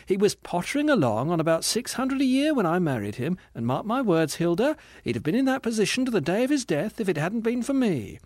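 A man's voice: sits high, no room sound, studio quality, heavily acted. A man reading the part of a self-righteous female ghost who complains domineeringly and primly about her late husband. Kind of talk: audiobook character reading.

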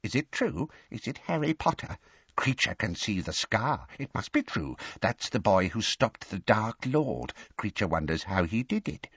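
A man voicing a hunched, spiteful old male house elf who mutters hoarsely under his breath. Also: on the low side, very animated, a little slow, a bit bright, no echo, lo-fi sound, full character voice. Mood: spiteful muttering.

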